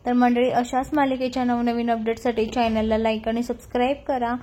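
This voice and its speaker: Flat-voiced woman recapping a serial. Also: on the high side, fairly quick, a little hiss or hum. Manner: frequent hesitation fillers, even storytelling tone. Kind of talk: casual story retelling.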